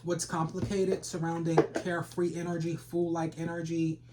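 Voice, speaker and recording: A man's voice: a little high, completely flat delivery, normal speed, very noisy. A man giving a rambling, casual tarot reading full of slang and repeated phrases. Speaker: tarot reader.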